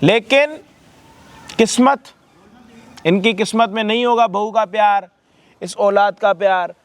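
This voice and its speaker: A man's voice: high-pitched, a little slow, no echo. A man hosting a vlog who harshly rebukes a son, swearing freely. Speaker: vlog host confronting a son. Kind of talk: staged confrontation, scolding.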